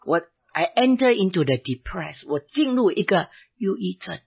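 A woman's voice: on the low side, big pitch swings, moderate pace, gravelly, husky. A woman, a former pastor, giving an emotional church testimony, asking herself questions and answering them. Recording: tinny phone-like sound.

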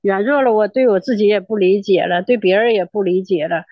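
A woman's voice: medium pitch, brisk, no echo. A middle-aged woman with a Northeastern Mandarin accent gives an earnest, tearful personal church testimony, repeating herself as she tells it. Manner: earnest, tearful, repetitive storytelling. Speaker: church member giving testimony. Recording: dull lo-fi dry recording.

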